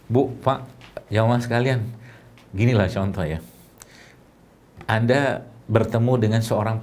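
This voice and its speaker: A middle-aged male preacher, talking to his congregation in a casual, chatty sermon. His pitch swings widely, rising high on his questions and dropping low and soft on his tender asides. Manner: conversational, animated, with rhetorical questions.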